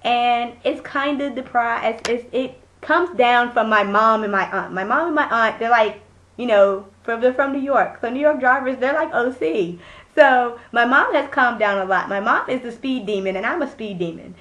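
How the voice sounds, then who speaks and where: A hoarse young woman vlogging, telling a casual story in a blunt, animated way and swearing freely. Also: fairly high pitch, moderate pace.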